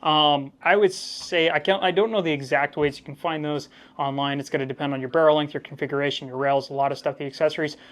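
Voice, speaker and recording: A man with a slightly high voice talks as a casual reviewer speaking to viewers. He is critical yet measured, explaining drawbacks conversationally and leaning on key words. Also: steady tone. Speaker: firearm reviewer, host.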